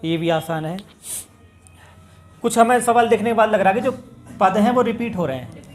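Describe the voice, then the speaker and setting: A man's voice: high-pitched, expressive, normal speed. A man with a north Indian Hindi accent, teaching a maths class step by step and addressing his students as "bhai". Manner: talks through steps, addresses students as bhai.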